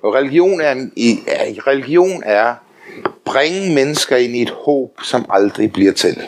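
An older man preaching with a lively, swinging delivery. His voice sits in an ordinary middle register but rises and falls widely. He tells stories between his points, laughs often and calls on the room to answer amen. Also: mid-range voice. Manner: animated storytelling, often laughing, calls for amens. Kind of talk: sermon.

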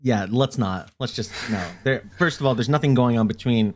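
A man's voice: mid-range voice, normal speed, a little mellow. A young man hosting a casual podcast, teasing his friend and laughing often. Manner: teasing, exasperated, laughs a lot. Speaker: podcast host. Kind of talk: casual chat.

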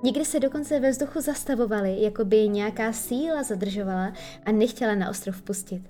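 A woman reading a children's story aloud with expressive storytelling. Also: on the high side, soft background music. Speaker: narrator.

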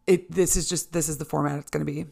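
Alone on her own podcast, a middle-aged American woman talks straight to the listener in a candid, loose monologue, now and then swearing. Her low voice is gravelly, dark and slightly rough, moving quickly with fairly even intonation.

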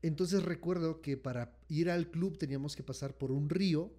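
Mexican man, mellow warm voice, casual chat, short slang reactions. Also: fairly high pitch, moderate pace. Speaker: podcast co-host.

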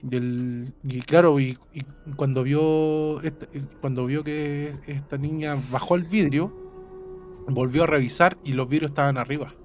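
A man's voice: a little high, steady tone, normal speed, darkish tone. A man with a Chilean accent telling a story in a casual chat, rambling and repeating his words. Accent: Chilean Spanish.

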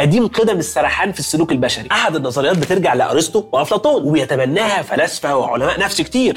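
A man's voice: a little high, breathy edge. A man with an Egyptian Arabic accent hosting a podcast, giving a playful, jokey science explainer and talking straight to the listener. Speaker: podcast host. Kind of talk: comedic scripted science explainer.

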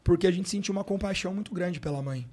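His voice sits high with a darkish tone, and he talks fast. A sports coach with a Brazilian Portuguese accent, he tells a personal story on a podcast in a slangy, emotional way, using fillers like "cara" and "brother" again and again.

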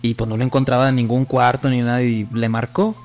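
A man's voice: medium pitch, fairly quick. A young Mexican man with a Mexican accent, co-hosting a podcast, animatedly telling a ghost story and acting out the voices in it. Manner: animated storyteller, acts out quotes. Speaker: podcast co-host. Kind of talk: casual chat, storytelling.

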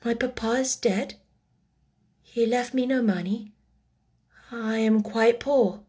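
A woman's voice: medium pitch, very animated, slow. A woman voicing a proud, steadfast little orphaned girl in an audiobook, restrained, polite and a little mournful. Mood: subdued. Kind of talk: audiobook character acting.

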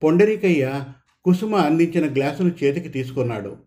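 A man reading a story aloud in an even, measured narration. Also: fairly high pitch.

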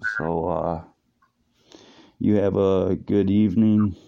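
A man hosting a casual interview in a halting, laid-back stoner way, trailing off as he goes. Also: sits low, fairly even intonation, vocal fry. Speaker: interview host. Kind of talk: casual, loose interview chat. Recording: dull, lo-fi sound.

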